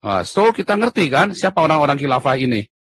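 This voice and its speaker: A man being interviewed in casual conversation, animated and at times emphatic, almost shouting. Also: on the high side, quick pace, breathy edge. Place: abroad in Europe.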